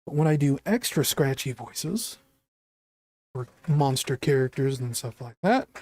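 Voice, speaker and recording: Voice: mid-range voice, lively intonation, unhurried, a little mellow, no echo. Scratchy-voiced streamer chatting over games. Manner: chatty, reacting aloud, laughs easily. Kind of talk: casual gameplay commentary.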